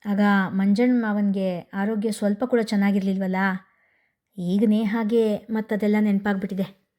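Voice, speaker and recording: A woman voicing a young husband who talks quickly and reassuringly. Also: mid-range voice, steady tone, mellow, close to an everyday voice.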